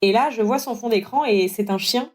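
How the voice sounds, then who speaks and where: A young adult woman telling a personal story in casual chat, acting out the dialogue with big leaps in pitch. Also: brisk. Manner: animated, acts out dialogue with big pitch jumps. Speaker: guest telling her story.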